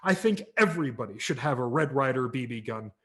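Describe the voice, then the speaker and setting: A professional audiobook narrator with a medium-pitched voice reads a memoir story a little fast at a virtual library event. His dramatic reading is wry and expressive, with small character voices.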